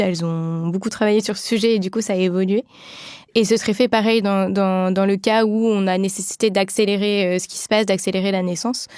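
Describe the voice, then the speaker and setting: A woman's voice: medium pitch, a little mellow, clean tone, dry recording, studio quality. A woman midwife explaining things in a podcast interview, with many fillers and restarts.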